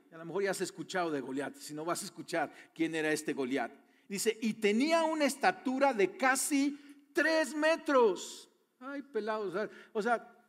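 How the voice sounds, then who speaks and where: A man's voice: high-pitched, long reverb tail. A man with a Mexican accent preaching a sermon as a pastor, in a chatty, joking way full of rhetorical questions. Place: church sanctuary.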